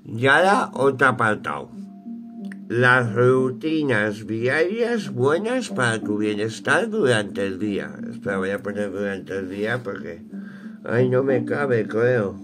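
A man in his thirties with a Peninsular Spanish accent rambles casually to camera. His pace is slow and his pitch sits in the middle range. He thinks aloud in loose, colloquial speech, with music behind him. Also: expressive. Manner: unhurried, thinking aloud, colloquial with mild swearing. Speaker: vlogger. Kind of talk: casual rambling vlog chat. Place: small cluttered room at home, indoors.

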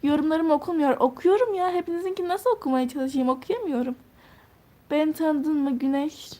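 A woman's voice: high voice, brisk, mellow. A teenage girl live-streaming, chatting casually as she reads out and answers viewer comments while touring her game house. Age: teens.

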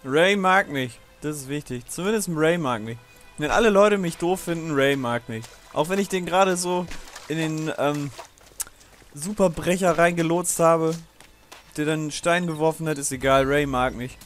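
Chatty, higher-voiced man playing a game. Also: normal speed, faint music behind. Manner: chatty, digressive, swearing, laughing often. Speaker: let's play host. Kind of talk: casual gaming commentary.

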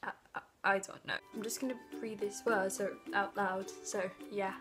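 A woman's voice: mid-range voice, little pitch movement, normal speed. A woman from Norway, a native Norwegian speaker, chatting casually into her phone in her living room, stumbling and apologizing as she goes, sounding a little off sick. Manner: chatty and self-conscious, with frequent stumbles and apologies. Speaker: vlogger. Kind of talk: casual vlog chat. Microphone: phone propped on a stack of things. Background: faint added background music.

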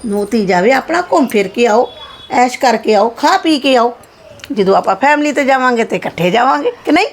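A woman's voice: a little high, animated, a little fast. A middle-aged woman playing a reassuring mother-in-law in a scripted family skit. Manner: warm, reassuring, calls her "son".

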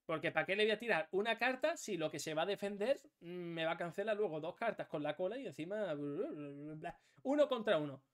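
A man calls out his card game moves as he plays. He cusses freely, makes sound effects and bursts into sudden shouts. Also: high-pitched, animated, a little fast. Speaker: gaming streamer. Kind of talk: excited game commentary.

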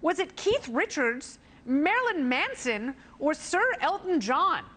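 Bubbly high-voiced woman hosting a quiz. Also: big pitch swings, a bit bright. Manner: bubbly, teasing, quick jokes and laughs. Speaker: talk show host running a quiz game. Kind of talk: playful game show hosting.

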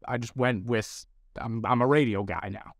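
A man's voice: mid-range voice, fairly even intonation, moderate pace. A man narrating a comedic recap of his reporting in a self-deprecating, rambling way.

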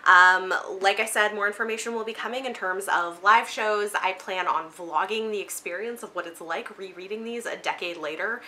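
In a small bookshelf-filled room at home, a thirtysomething book vlogger and channel host talks to camera in a casual, emphatic way. Her mid-range voice sounds pushed and bright, moving at a moderate pace with few pauses, and there's slight background noise.

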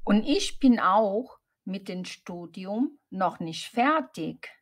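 A woman voicing a young woman student in a slow scripted learner dialogue, answering carefully. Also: mid-range voice, very animated. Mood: plain. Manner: plain, careful storytelling answers.

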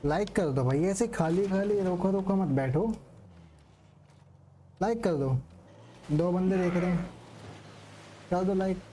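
A man streaming a game live, reacting excitedly, swearing, and talking to himself and his chat. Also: high voice, measured pace, long pauses, slight background noise. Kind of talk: live gaming commentary.

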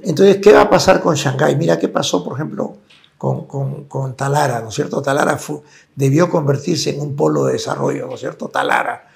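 A man talking as an interview guest, his voice heavily gravelly and set a little high. He lays out his argument step by step and keeps checking in with a quick tag question. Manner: explanatory, tags points with "¿no es cierto?". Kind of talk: conversational interview.

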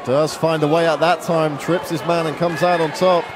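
A man's voice: fairly high pitch, fairly even intonation, moderate pace. A man giving live play-by-play commentary on a fight. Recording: crowd and venue noise behind. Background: arena crowd.

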